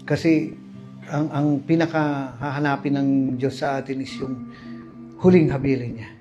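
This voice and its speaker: A man with a Filipino accent preaching a sermon, telling personal stories in an animated way and addressing his listeners as brothers and sisters. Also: mid-range voice, normal speed, muffled recording, music in the background. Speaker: pastor.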